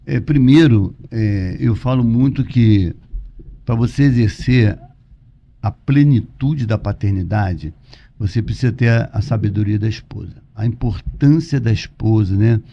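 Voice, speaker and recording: A man's voice: on the low side, unhurried, creaky. A Brazilian man, a pastor, preaching conversationally and emphatically, repeating points and asking rhetorical questions. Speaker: pastor, podcast guest. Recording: dull lo-fi audio.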